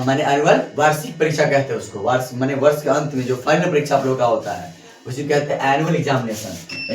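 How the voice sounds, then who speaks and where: A man teaching a grammar lesson to students, repeating points and asking them questions as he goes. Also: fairly high pitch. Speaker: English teacher. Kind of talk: classroom lesson explaining grammar. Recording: echoey room, mic at a distance, faint music.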